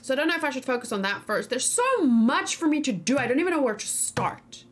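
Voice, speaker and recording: This video game streamer talks fast in a high-pitched, very animated voice. She thinks aloud casually during her live let's play commentary and banters with the people watching.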